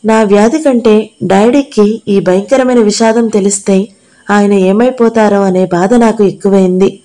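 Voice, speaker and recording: A woman reading the part of a gravely ill young woman dancer, speaking softly and with sorrow. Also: medium pitch, steady tone, unhurried, natural voice. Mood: sorrowful.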